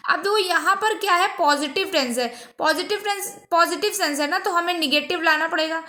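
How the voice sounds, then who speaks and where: A woman with a high, bright voice teaches an exam-prep lesson. She talks patiently and says key words again and again. She reads each English example sentence slowly and carefully. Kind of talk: recorded video lesson.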